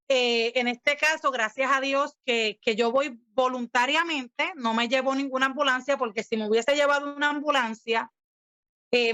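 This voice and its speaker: A Puerto Rican woman giving a personal testimony, telling her story with animated energy and acting out quoted lines. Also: sits high, dry recording. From Puerto Rico. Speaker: guest sharing her testimony. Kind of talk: personal testimony in casual talk.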